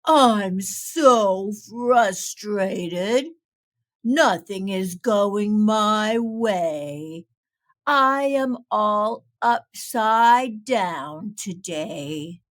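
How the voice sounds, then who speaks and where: A woman voicing a storybook turtle with drawn-out, emphatic speech. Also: medium pitch, expressive, a bit bright, voice pushed down. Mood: frustrated. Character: frustrated, glum male turtle who turns carefree.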